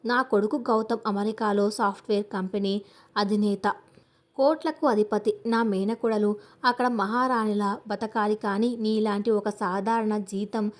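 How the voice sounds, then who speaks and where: A woman's voice: mid-range voice, fairly even intonation, a little slow, lightly acted. A woman voicing a haughty scheming rich aunt. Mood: haughty threats. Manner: haughty, threatening. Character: arrogant wealthy scheming middle-aged aunt.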